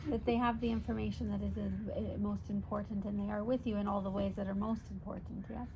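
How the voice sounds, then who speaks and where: A woman's voice: medium pitch, little pitch movement, a little fast, natural voice. Seance medium: woman voicing a patient spirit teacher in trance, formal odd syntax, questioning tags, noisy ambience with birds. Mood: instructive, patient. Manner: formal unusual syntax, ends statements with questioning "yes?". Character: Simon, a channeled non-physical spirit guide, patient teacher. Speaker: trance channel answering questions. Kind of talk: trance channeling, seance medium addressing sitters. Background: birds calling, ambient noise.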